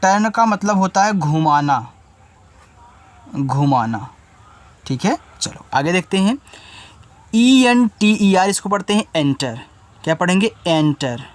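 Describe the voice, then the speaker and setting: Patient male teacher spelling out words. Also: lively intonation. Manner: spells words out letter by letter slowly, then says the word lower and quieter; patient, repeats each meaning twice. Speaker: English teacher. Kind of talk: step-by-step spelling lesson.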